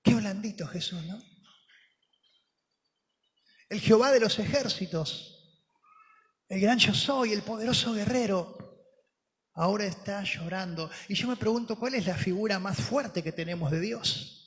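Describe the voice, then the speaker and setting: A man preaching a sermon as pastor, telling the story dramatically and moving from soft, slow words to emphatic ones. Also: high-pitched. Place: church hall. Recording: long hall reverb.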